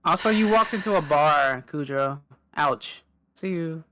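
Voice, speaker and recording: A man's voice: a little high, lively intonation, measured pace, pushed and bright, no room sound. A man dropping into a stream on a voice call, joking and teasing the streamer in casual banter. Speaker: friend calling into a stream.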